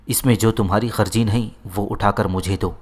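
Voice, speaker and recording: A man with a low voice reading the lines of an elderly mother who is commanding yet loving, in a firm, motherly way. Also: steady tone, natural voice.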